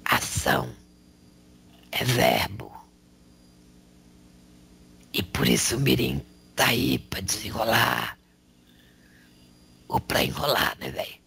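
Male spirit, played by a medium, raspy whisper, animated preaching, streetwise. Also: fairly low pitch, takes it slowly, pauses often, heavily acted. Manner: slangy, sermonizing, rhetorical questions. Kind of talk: spiritual counsel.

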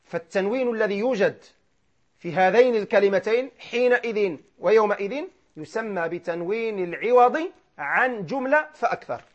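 A man teaching grammar, who asks questions and answers them himself, repeats key terms and slowly recites verses. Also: sits high, expressive. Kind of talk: classroom grammar lesson. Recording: dull lo-fi lecture recording.

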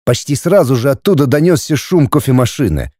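Guy reading an audiobook, dark mellow voice, dramatic, super dry close mic. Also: mid-range voice, big pitch swings, brisk, no echo. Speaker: audiobook narrator. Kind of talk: first-person audiobook narration.

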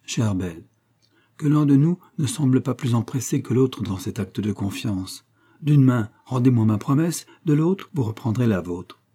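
A man's voice: medium pitch, animated, fairly quick, mellow, breathy edge. A man playing a gushing, scheming fortune hunter. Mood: flattering. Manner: gushing and wheedling. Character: scheming, flattering middle-aged fortune hunter.

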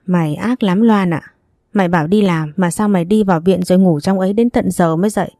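A woman's voice: on the low side, quick pace, dark tone, no room sound, studio quality, close to an everyday voice. A woman voicing a crude, emotional young female best friend who talks bluntly and teasingly. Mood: excited.

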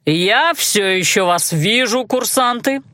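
A woman's voice: medium pitch, sing-song, normal speed, a bit bright, dry recording. A woman reading an audiobook voices a stern male magic instructor who barks commands and makes sarcastic remarks. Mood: stern commanding.

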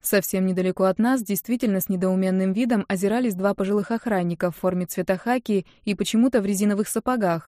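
A woman calmly narrates a first-person audiobook. Her voice sits at an ordinary middle pitch. The sound is dry, with no room echo. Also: fast talker, few pauses.

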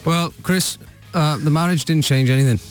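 A man's voice: a little high, moderate pace, soft background music. A man chatting as a guest on a radio show, joking and laid-back. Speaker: guest musician. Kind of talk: casual radio chat.

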